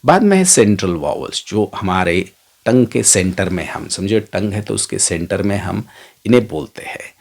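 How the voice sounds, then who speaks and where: A middle-aged man teaching a phonetics lesson, drawing out each vowel sound slowly as he models it. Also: low voice, lively intonation, gravelly, darkish tone. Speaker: English teacher.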